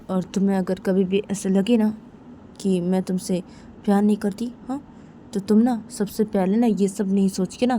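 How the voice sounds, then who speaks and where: A woman's voice: mid-range voice, vocal fry, mellow, a little hiss or hum. A woman voicing a young woman who speaks in repetitive, coaxing phrases. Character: young woman Sunaina, hurt then reassuring.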